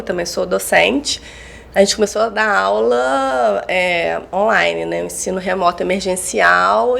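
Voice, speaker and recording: A woman's voice: mid-range voice, gravelly. A woman in her forties, a psychologist and lecturer, candidly telling a personal story in a casual podcast chat and acting out the dialogue.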